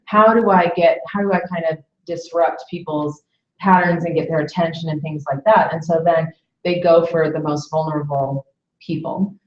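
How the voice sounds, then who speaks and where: Through distant, muffled, echoey webinar audio comes a deep woman's voice with fairly even intonation and moderate pace. She's an early-40s webinar host speaking casually and reflectively, feeling out her phrases and checking that listeners agree.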